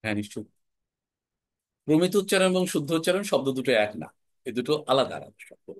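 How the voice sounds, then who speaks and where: A man teaching an online class on spoken-word art, explaining in a measured, emphatic way with deliberate pauses. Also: medium pitch, expressive, no echo. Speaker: recitation and voice teacher.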